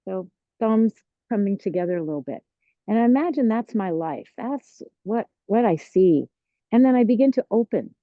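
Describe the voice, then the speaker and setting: A woman teaching a tai chi class, giving serene, encouraging, unhurried movement cues. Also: medium pitch, animated. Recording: roomy, dull lo-fi sound.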